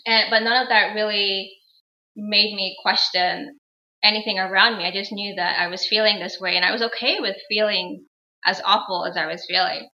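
A young adult woman from Guyana, a guest healer and educator, telling her life story in a measured, earnest way with frequent pauses. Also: medium pitch, fairly even intonation, sharp tone. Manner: measured, earnest, pausing often. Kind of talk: reflective personal storytelling. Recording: roomy, dull lo-fi sound.

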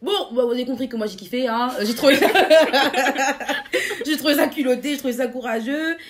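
A woman's voice: high voice, normal speed, noisy background. Bubbly young woman podcast co-host. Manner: bubbly, laughs often, many fillers. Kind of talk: casual podcast chat.

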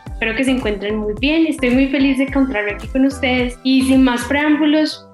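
A woman from Colombia co-hosting a podcast in a lively, casual way. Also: high-pitched, moderate pace, echoey room, soft background music. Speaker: podcast co-host. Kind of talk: semi-scripted podcast chat.

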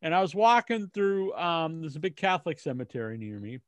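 An American man chatting casually as a podcast co-host, telling things in a rambling, halting way with false starts. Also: a little high, sing-song, no room sound. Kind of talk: casual chat.

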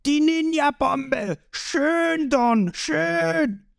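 A man voicing rowdy, crude male pirate crewmen who yell in high screeching voices, in a read-aloud manga story. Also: lively intonation, drawn-out words, vocal fry, no room sound, clean studio sound, exaggerated voice.

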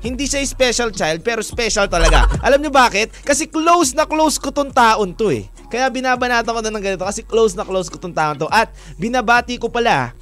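A man with a high, bouncing voice hosts a radio-style program, telling stories and talking straight to his listeners. His delivery swings up and down with lots of energy, and soft music plays faintly underneath. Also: fairly quick. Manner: animated, keeps calling listeners "mga kawan". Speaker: DJ host.

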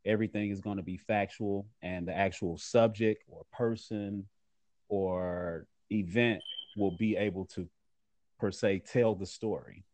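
A man giving measured, earnest interview answers in fairly formal wording as a magazine editor. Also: fairly low pitch, steady tone, darkish tone, no room sound.

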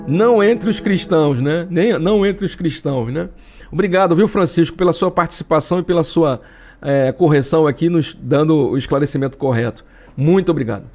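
A man's voice: on the high side, a little fast, a little mellow, faint music behind. A man with a Brazilian accent hosting a talk show, chatty and joking as he speaks to listeners. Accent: Brazilian Portuguese. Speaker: radio and web show host. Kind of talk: casual talk show monologue.

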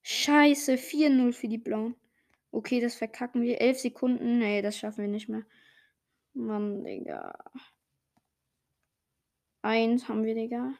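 A young, slangy gamer giving excited casual commentary while playing, full of exclamations and swearing. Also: medium pitch, a little slow, creaky, long pauses. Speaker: gaming streamer playing a party game.

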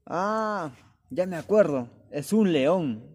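A man's voice: sits high, lively intonation, takes it slowly, a little mellow, slight background noise. A man voicing a dim-witted, fretful dog in a children's audio story, whiny and easily startled.

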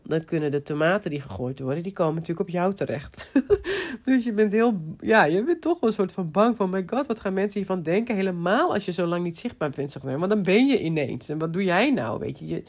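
A middle-aged woman, a business coach, talking casually and lively, with restarts and fillers. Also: low-pitched, slightly rough. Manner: lively, tumbling sentences with many restarts and fillers. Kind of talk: casual monologue, podcast-like.

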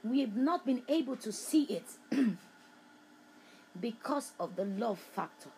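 Woman, preacher, prophetic sermon, higher pitch, emphatic repetition, faint ambience. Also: lively intonation, measured pace, mellow, slight background noise, poor audio.

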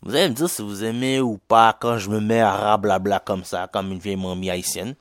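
A young man from Quebec hosts his own podcast in a lowish voice, speaking Québécois French with a slight Haitian touch. His solo monologue is brisk, chatty and rambling, packed with fillers and English slang, with fairly even intonation. The studio sound is clean, with no room sound.

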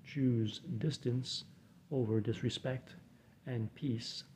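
Soft-spoken man, half whispering. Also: mid-range voice, a little hiss or hum. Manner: soft, slow, often whispered delivery; dry deadpan asides. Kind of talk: quiet reflective readings and recipe read-aloud.

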